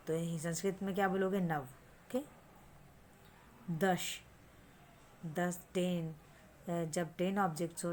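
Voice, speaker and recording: A woman's voice: on the low side, slight background noise. Patient Indian woman teaching children. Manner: patient, repeats and asks questions back. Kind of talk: online lesson for children.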